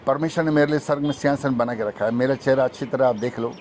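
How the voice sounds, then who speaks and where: A man preaching a fervent testimony sermon, talking fast and emphatically, with faint traffic noise behind. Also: mid-range voice, a little mellow. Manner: fast-talking, emphatic, breaks into sung hymn.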